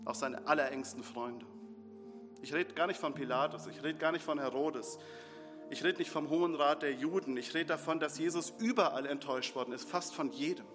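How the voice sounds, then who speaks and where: In a church hall, a man whose voice sits on the high side and moves fairly quickly preaches earnestly, stacking repetitive short phrases to lead his listeners into prayer. Long reverb and faint music fill the recording.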